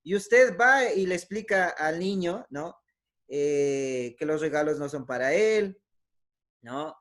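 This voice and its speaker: A man's voice: on the high side, lively intonation, slow pace, a bit bright. A man giving a conversational teaching talk, with frequent "eh" fillers and self-corrections, often tagging phrases with a questioning "¿no?". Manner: ends many phrases with a questioning "¿no?". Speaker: speaker giving a talk on emotions.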